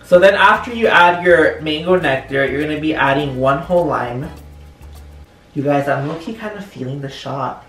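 A man's voice: a little high, normal speed, fairly bright tone. A young man chatting casually and joking through a home cooking vlog in his kitchen. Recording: echoey kitchen, distant mic, faint music.

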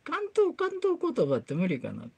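A woman's voice: deep voice, wildly swooping pitch, normal speed, creaky, darkish tone, breathy edge, no room sound. A woman with a Kansai accent and Kyoto dialect, chatting casually on a livestream while doing a repair and muttering to herself as she works. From Kansai, Japan. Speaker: livestream host.

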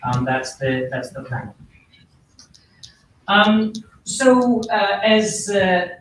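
A man from Nepal presents his book to a university audience in an earnest, halting way, filling pauses with many ums and uhs. His voice sits a bit high. He is picked up from across a large, very echoey lecture room with a faint hiss behind him. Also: very animated, a bit bright. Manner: hesitant, many fillers, earnest. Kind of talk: academic book launch talk. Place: large lecture room with perforated wall panels. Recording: very echoey room, far from the mic, faint noise.

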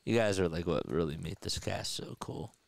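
A gravelly, deep, expressive voice belongs to a Philadelphia-accented man in his thirties calling a live baseball game at normal speed. As a livestream host he's chatty, laughs often, and reads viewer comments aloud. The dry recording comes from a headset boom mic at a desk setup in a small indoor room.

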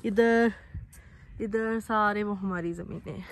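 A Pakistani woman vlogs to the phone camera in her hand as she walks through open farm fields, narrating casually. Her mid-range voice is hoarse and steady, and she takes it slowly, a little out of breath and coughing now and then.

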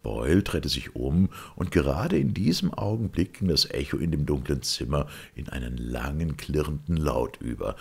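A man's voice: a bass voice, vocal fry, breathy edge. A man narrating a detective story expressively as an audiobook reader. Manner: expressive, dramatic. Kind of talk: literary narration.

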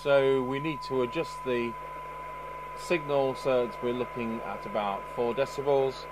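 Working at an indoor electronics bench, this British host explains each repair step in an understated, dry manner. His mid-range voice moves a little slowly, and an electrical hum with steady noise is plainly audible throughout.

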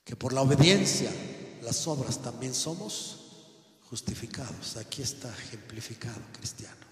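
A male preacher delivering a sermon, swinging between loud, emphatic proclamations and hushed asides. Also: mid-range voice, expressive, normal speed. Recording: echoey hall from a distance.

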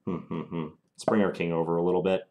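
Thinking aloud over his chess moves, a young streamer with a mild Minnesota accent plays live from a small home room. He talks quickly in a low voice with little pitch movement, and there's background noise.

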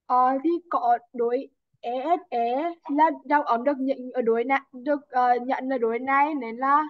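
A female student giving a halting explanation of her answer in an online class. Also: sits high, no room sound. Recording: dull dry call audio.

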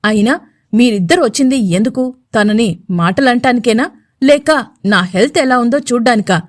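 A woman's voice: a little high, lively intonation, normal speed, no room sound, clean studio sound, lightly acted. A woman voicing an injured young man who speaks sternly and angrily to defend his partner in an audio story. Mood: angry. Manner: stern, warning, angry.

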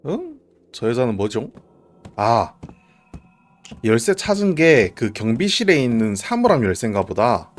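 Playing a horror game live, this male streamer reacts jumpily, muttering to himself and at times yelling. His mid-range voice has a sing-song quality and a somewhat slow pace.

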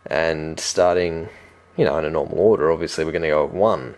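A young man hosting a casual let's play, chatty, jokey and excitable. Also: very deep voice, brisk. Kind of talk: casual gameplay commentary. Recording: noisy home recording. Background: game audio.

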